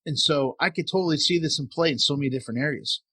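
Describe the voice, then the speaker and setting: Husky-voiced man telling a work story. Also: a little high, quick pace, dry recording. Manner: storytelling, animated when quoting. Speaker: podcast co-host. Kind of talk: casual safety podcast chat.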